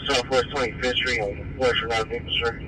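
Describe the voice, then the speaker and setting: A man's voice: mid-range voice, level tone, fairly quick. A man speaking over a police scanner radio, using clipped radio codes and calling others sir. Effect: heard over a police scanner radio. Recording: distant scanner radio with noise.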